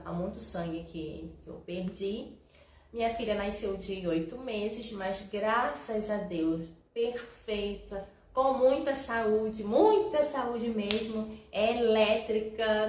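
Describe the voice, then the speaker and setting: A woman's voice: medium pitch, a little hiss or hum. Chatty woman vlogger, echoey room. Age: 30s. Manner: chatty, emotional, addresses viewers as "gente". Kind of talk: personal storytelling to camera.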